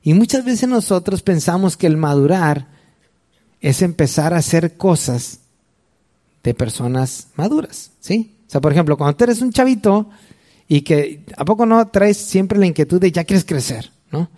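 A man's voice: sits high, expressive, moderate pace, warm tone. A man in his forties with a Mexican accent, preaching a sermon in a conversational way and speaking straight to his listeners. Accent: Mexican Spanish. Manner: conversational, addresses listener directly. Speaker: pastor.

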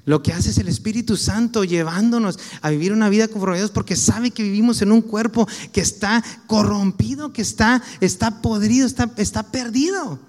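Mexican guy preaching, pretty high voice, chatty storytelling, big echoey hall. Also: moderate pace, few pauses, a little mellow. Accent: Mexican Spanish. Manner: conversational, anecdotal, slangy. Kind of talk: sermon.

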